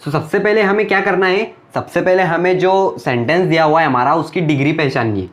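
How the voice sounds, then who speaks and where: A young man teaches grammar at a board at a brisk pace, his voice fairly high. He explains patiently, repeatedly asking a question and then giving the answer himself.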